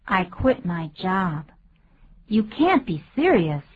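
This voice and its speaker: A woman co-hosting a radio English lesson, reading dialogue lines slowly and clearly and adding short notes in Mandarin. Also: on the low side, sing-song, narrow, tinny audio, slight background noise. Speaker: English co-host.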